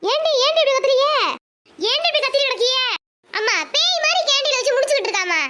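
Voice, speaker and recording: A woman's voice: very high voice, expressive, fast, heavy background noise. A woman with a Madurai Tamil accent voicing a scolding village mother in a cartoon. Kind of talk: cartoon voice acting, many village characters.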